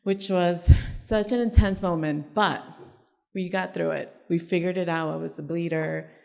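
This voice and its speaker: A woman's voice: lowish voice, steady tone, normal speed, gravelly. A woman from Ecuador sharing her own story in a live group discussion, candid and emphatic. She is heard in a conference hall with a long reverb. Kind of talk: personal testimony in a group discussion. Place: conference room at a live event.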